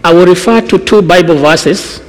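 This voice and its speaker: A middle-aged man from Kenya speaks as a guest pastor. His voice sits slightly high, and he talks in short, halting phrases with "uh" between them. A long church reverb trails behind. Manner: short phrases with pauses for translation, frequent "uh". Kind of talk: church talk with interpreter. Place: church hall.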